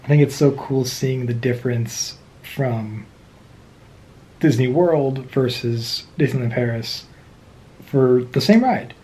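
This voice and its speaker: A man in his thirties speaks in a mellow, dark tone during a relaxed travel chat. He is agreeable and easygoing, often chiming in with short yeahs to back up his partner. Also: mid-range voice, takes it slowly, rough recording. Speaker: travel vlogger. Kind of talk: casual chat.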